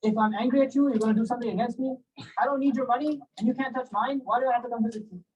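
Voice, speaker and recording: A man giving a casual, animated religious storytelling lecture, often checking in with his listeners. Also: very high-pitched, very fast, husky, lo-fi sound. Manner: animated, conversational, asks listeners "right?" and "you know?". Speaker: Islamic lecturer. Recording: distant mic, poor sound quality.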